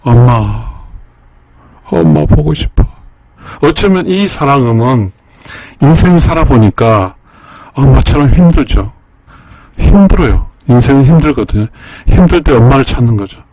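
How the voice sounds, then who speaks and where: A man's voice: mid-range voice, expressive, measured pace, dark tone, no echo. A man hosting a YouTube channel, giving a lecture-style analysis of song lyrics, emotional and repeating phrases over and over. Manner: polite addresses to viewers.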